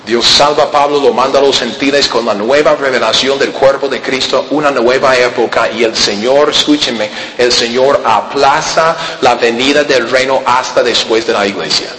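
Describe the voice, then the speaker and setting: A man preaching a Bible-teaching sermon, emphatic, often pointing listeners to the text and dropping to low, quiet urging. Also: normal speed, hardly any pauses. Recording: roomy hall with long reverb, faint noise.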